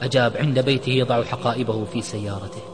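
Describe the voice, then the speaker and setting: A man narrator voicing a sad, subdued young man who speaks quietly and downcast. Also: medium pitch, steady tone, quick pace, big-room sound, a crowd in the background, natural voice.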